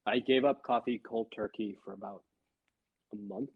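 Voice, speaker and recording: A man from Sri Lanka with a husky voice speaks as a guest on a casual livestream, pausing and trailing into softer asides. The sound is dry and lo-fi, with little room around it. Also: lowish voice, steady tone, no room sound. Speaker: guest software developer. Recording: dry lo-fi stream audio.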